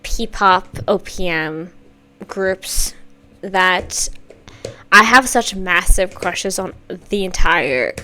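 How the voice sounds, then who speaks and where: A woman giving a casual, campy, sassy music video reaction, gushing and swinging between loud exclamations and hushed asides. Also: on the low side, lively intonation, drawn-out words. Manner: swings from sudden loud outbursts to near-whispered asides.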